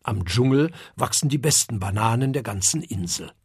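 A narrator reading a children's audiobook in a calm, gentle storytelling manner. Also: mid-range voice, normal speed, breathy edge, no echo, studio quality.

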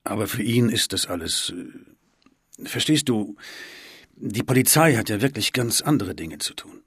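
Storybook father, tired and resigned, husky low voice, read by a man. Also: expressive, measured pace, a bit bright, no echo, studio quality, full character voice. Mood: weary.

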